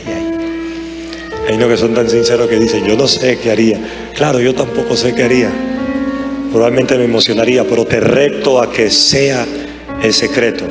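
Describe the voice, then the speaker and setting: A man preaching a live sermon to a congregation in an impassioned, conversational way. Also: mid-range voice. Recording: sermon with music behind. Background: music.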